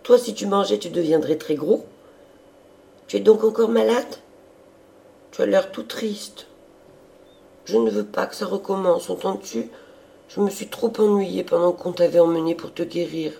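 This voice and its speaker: A man voicing a cheerful, childlike young woman who is always hungry, in a high, coaxing voice. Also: normal speed, gravelly, pauses often, mellow. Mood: eager.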